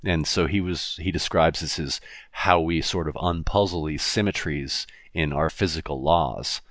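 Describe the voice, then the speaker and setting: A man's voice: very deep voice, moderate pace, a bit bright, no echo, clean studio sound. A man co-hosting a podcast, explaining ideas in a casual, thinking-aloud way and laughing easily. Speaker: podcast co-host.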